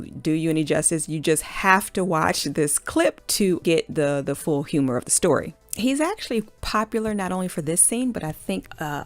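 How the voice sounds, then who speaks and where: A woman with a fairly low voice talks through teaching tips in a relaxed, chatty manner. She repeats words and restarts phrases as she explains. The sound is close and dry, with soft music behind her. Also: no room sound. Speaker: teacher sharing classroom tips. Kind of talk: chatty instructional video talk.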